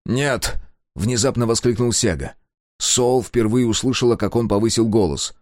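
A man narrating an audiobook in an expressive reading voice. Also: medium pitch, moderate pace, no room sound, studio quality. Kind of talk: scripted narration.

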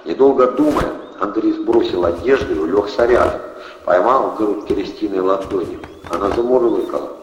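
A man narrating an audiobook with steady storytelling. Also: fairly low pitch, moderate pace, a little hiss or hum. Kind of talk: scripted narration. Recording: dull, roomy, long reverb.

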